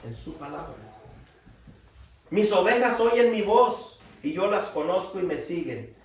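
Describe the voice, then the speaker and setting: High-voiced preacher in an echoey hall. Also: male voice, unhurried. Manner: folksy, animated, shouts for emphasis. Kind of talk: sermon. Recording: very echoey room, from far off.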